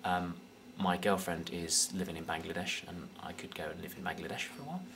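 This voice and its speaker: A young Englishman with a very low, gravelly voice gives casual interview answers. He stops and starts often, filling his gaps with ums. His accent is English. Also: fairly quick, noisy background. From United Kingdom. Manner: hesitant, many fillers and restarts. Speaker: guest.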